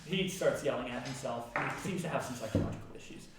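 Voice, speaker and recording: A man's voice: mid-range voice, fast. A man running a tabletop game as game master, playful and swearing casually. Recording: echoey room, distant from the mic.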